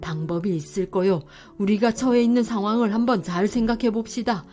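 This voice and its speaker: A woman voicing a father in a children's story, speaking in a measured, fatherly way. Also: mid-range voice, darkish tone, faint music behind, natural voice. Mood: reasoning. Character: father trying to stay calm and reasonable. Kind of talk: storybook voice acting.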